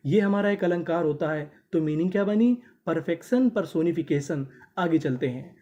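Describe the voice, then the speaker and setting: Guy teaching class, mellow soft voice, sounds words out slow bit by bit, asks then answers himself. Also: on the high side, dull audio. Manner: spells words out slowly syllable by syllable, then repeats them. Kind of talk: classroom-style language lesson.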